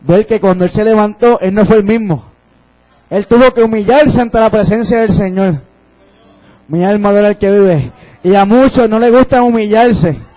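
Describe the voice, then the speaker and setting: A man's voice: high voice, normal speed, warm tone, low-quality recording. A young man preaching a sermon and telling his own testimony, fervent and repeating phrases.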